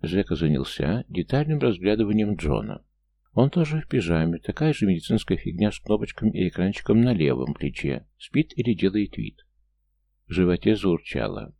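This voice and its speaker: A man reading a story aloud as audiobook narrator, steady and measured. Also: low voice, vocal fry. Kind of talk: scripted narration.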